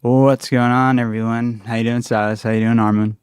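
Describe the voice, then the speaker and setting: A man hosting a casual livestream chat over a video call, relaxed and halting with fillers. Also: medium pitch, clean tone, no echo, clean studio sound. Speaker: host.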